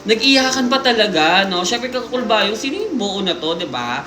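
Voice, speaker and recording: A woman hosting a live stream, reading listener stories aloud in lively mixed Tagalog and English, with jokes and asides. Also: medium pitch, moderate pace. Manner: animated storytelling, Taglish, jokes and asides. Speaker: livestream host. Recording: roomy sound with music playing behind.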